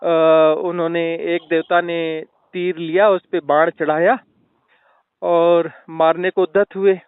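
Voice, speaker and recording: A man explains spiritual ideas slowly, stopping and restarting as he tells a story. His voice is high and smooth. The sound is dry and thin, like a phone line. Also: level tone, dry recording. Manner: slow, explanatory, with restarts and fillers. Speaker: spiritual teacher, guest.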